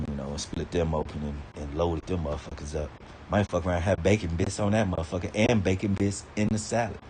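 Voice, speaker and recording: Low-voiced man on a profane rant. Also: fairly even intonation, brisk, darkish tone, a little hiss or hum. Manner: rambling, swears heavily, stammers and repeats words; indignant, pitch jumps high when worked up. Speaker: vlogger.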